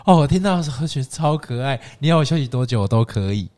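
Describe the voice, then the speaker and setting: 一位男播客主持人，用轻松聊天的方式讲自己的经历，语调起伏很大，时高时低，讲到别人说的话就会模仿着演出来，还常常边讲边笑。. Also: male voice, mid-range voice, fast. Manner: animated, acts out quotes with laughter. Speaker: podcast co-host. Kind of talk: casual storytelling chat.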